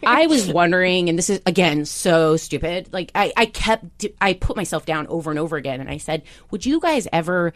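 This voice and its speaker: Animated woman telling a story, dry sound. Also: lowish voice, fairly quick, hardly any pauses, dry recording. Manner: animated storytelling, acts out quoted voices. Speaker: TV show staffer turned on-air talent. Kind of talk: casual chat.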